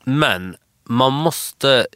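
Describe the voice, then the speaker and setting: A man, a hairstylist guest, chatting in an interview and acting out lively anecdotes. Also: mid-range voice, dry recording, studio quality. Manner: animated storyteller, acts out quotes. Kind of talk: casual interview chat.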